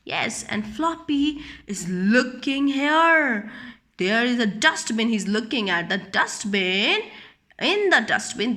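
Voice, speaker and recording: Using questions and repetition to keep it simple, a woman reads a picture book to young children. Her voice is on the high side, pushed and bright, as a children's storyteller's often is.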